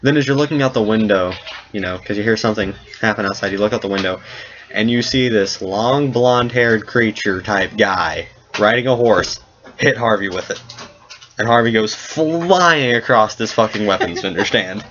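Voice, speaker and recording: A man's voice: moderate pace, a bit bright. A man narrating as game master in a tabletop role-playing game, talking casually and voicing the characters. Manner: casual, laughs at his own story. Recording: dull low-fi sound with faint noise.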